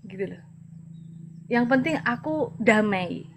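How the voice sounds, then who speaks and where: A woman's voice: mid-range voice, expressive, takes it slowly, vocal fry, a little hiss or hum. A middle-aged woman from Madura, an evangelist, giving an earnest, emotional personal testimony and advising the listener directly. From Madura, Indonesia.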